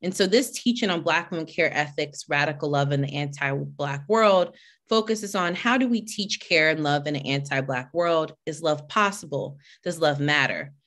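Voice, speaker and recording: A woman with a low-pitched voice hosts an online event over a video call. She chats casually as she greets attendees by name, then shifts into a steadier introduction of the organization. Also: normal speed. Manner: warm, chatty greetings, reading names from the chat. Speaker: host and executive director.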